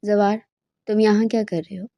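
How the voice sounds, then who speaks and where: Harsh scolding mother, read by a woman narrator; mellow low-key tone, dry close sound. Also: level tone, creaky, dry recording, natural voice. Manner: scolding, accusing. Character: harsh angry middle-aged mother scolding daughter.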